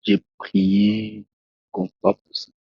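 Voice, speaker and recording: Deep gravelly preacher telling his testimony. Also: monotone, no room sound. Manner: slow, halting storytelling with many restarts. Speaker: preacher, guest. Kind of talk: testimony in a talk show interview. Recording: dull, lo-fi dry sound.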